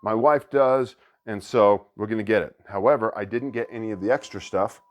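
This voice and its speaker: A man hosting a board game channel, chatting excitedly as he unboxes a new game and thinks aloud. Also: fairly low pitch, normal speed. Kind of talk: casual unboxing commentary.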